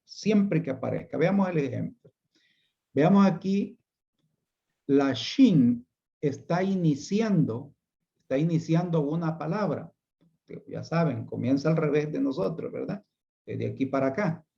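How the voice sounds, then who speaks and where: Slow, patient male teacher, muffled audio. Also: a little high, gravelly, dark tone. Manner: slow, patient explaining with repetitions. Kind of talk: online class lecture.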